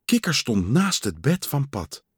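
A man reading a children's story aloud in a slow, lively storytelling manner. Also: on the low side, breathy edge, no echo, clean studio sound. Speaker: storybook reader.

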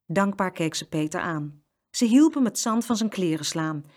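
A woman reading a children's story aloud as narrator, with expressive storytelling. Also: lowish voice, moderate pace.

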